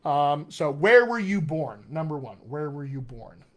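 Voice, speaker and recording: Very animated yet a little slow, this man speaks with a fairly high pitch. He's a dialect coach from Colorado, USA, cheerfully and teacherly hosting an informal live Q&A. His General American accent holds traces of West Texas and upstate New York.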